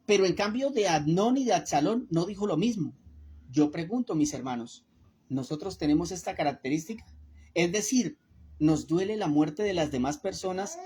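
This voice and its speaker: A woman's voice: on the low side, warm tone, breathy edge. A woman giving an earnest Bible study sermon, speaking to her listeners as brothers and asking them rhetorical questions. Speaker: Bible teacher.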